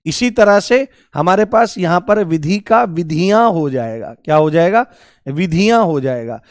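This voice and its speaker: A man's voice: sits high, expressive, measured pace, no echo, studio quality. A man teaching Hindi grammar in a live online class, repeating key words and asking students for examples.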